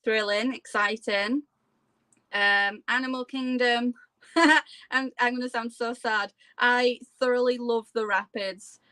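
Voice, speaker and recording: Higher-voiced woman chatting casually. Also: steady tone, slow pace, sharp tone, clean tone, dry recording. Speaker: interview guest. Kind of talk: casual chat.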